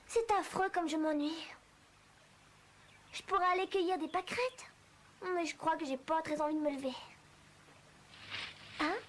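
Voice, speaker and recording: Very high, girlish Alice. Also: moderate pace, long pauses, a little hiss or hum. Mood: bored, curious. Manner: exclaiming, thinking aloud to herself. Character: curious, dreamy, excitable little girl, Alice. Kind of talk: French-dubbed children's cartoon acting. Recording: music under the voice.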